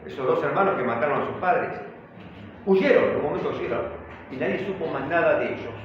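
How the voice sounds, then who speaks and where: A man preaching a sermon as pastor, animated and full of rhetorical questions. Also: fairly high pitch, fairly quick, heavy reverb, dull audio, slight background noise.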